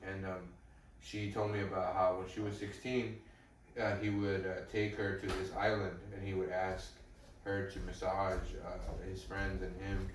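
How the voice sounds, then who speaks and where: Deep-voiced young man telling absurd stories. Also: measured pace, slight background noise. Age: young adult. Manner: deadpan rambling storyteller, escalating absurd bits. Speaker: podcast co-host. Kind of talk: improvised comedy chat. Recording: echoey room, distant mic.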